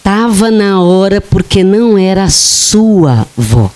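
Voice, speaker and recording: A woman lecturing at a spiritist center, her pace very slow and deliberate. She spins light, humorous anecdotes and briefly acts out the voices of the people in them. Her pitch sits right in the middle of the usual range. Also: very animated, a little mellow. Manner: slow, humorous storytelling with acted-out quotes.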